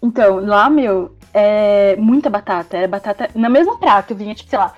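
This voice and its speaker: A woman's voice: medium pitch, moderate pace, muffled recording, faint music behind. A woman, chatting casually with friends in an enthusiastic, jokey way. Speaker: podcast co-host. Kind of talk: casual chat among friends.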